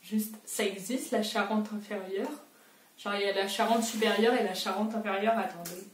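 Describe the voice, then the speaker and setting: A woman's voice: mid-range voice, fairly even intonation, normal speed, reverberant, distant mic. A young woman thinking aloud in a casual vlog, chatty and self-mocking as she answers quiz questions. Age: young adult. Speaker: booktuber.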